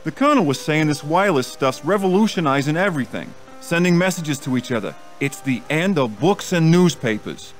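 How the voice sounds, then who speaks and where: Man playing a brash, chummy American salesman, animated. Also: on the high side, a little fast, few pauses, soft background music, natural voice. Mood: sociable. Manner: slangy, glad-handing salesman patter. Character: brash, chummy middle-aged American department store buyer and card sharp. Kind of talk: video game character acting. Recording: background noise and ambience.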